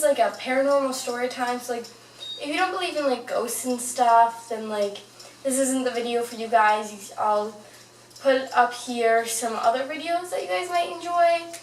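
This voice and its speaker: A young woman telling a personal story in a casual, chatty, informal way, as a vlogger to her viewers. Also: fairly high pitch. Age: young adult. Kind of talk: casual storytime, paranormal anecdote. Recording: roomy, distant mic, fan noise. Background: whirring fan.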